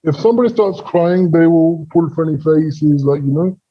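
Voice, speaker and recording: A husky man with a British accent answers interview questions in a loose, rambling way, circling back and repeating himself with plenty of fillers. He comes through a video call, and the audio is dull and lo-fi. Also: a little high, normal speed. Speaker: interview guest, former call center scammer.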